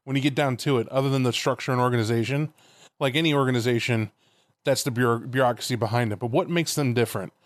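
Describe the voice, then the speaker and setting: A man's voice: mid-range voice, fairly even intonation, fast talker, no room sound, clean studio sound. A man co-hosting a podcast in casual chat, emphatic and given to repeating phrases for weight. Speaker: podcast co-host.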